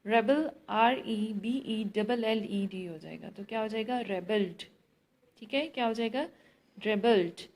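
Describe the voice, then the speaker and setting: A woman teacher with an Indian English accent, giving a grammar lesson in a slow, deliberate way, quizzing students and repeating answers. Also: fairly high pitch, darkish tone. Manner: mixes Hindi and English.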